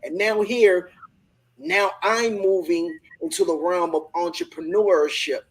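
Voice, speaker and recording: Husky, upbeat man hosting a live talk. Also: high-pitched, a little slow, rough recording. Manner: enthusiastic, motivational, repeats words when starting. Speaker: host of a live online business talk. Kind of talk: casual group discussion.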